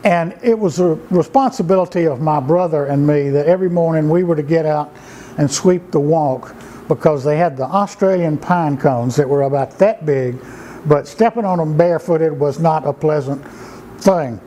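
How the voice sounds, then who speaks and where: A man, telling family anecdotes in an unhurried, halting way with many pauses and restarts. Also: a little high, mellow, a little hiss or hum, poor audio. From Georgia, USA. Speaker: storyteller and writer. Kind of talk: folksy anecdotal storytelling.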